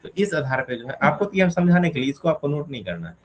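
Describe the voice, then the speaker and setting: A man's voice: on the high side, sing-song, fast, low-quality recording. A man teaching a reasoning class, asking questions aloud and answering them himself while counting through steps. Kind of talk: explaining a classroom problem.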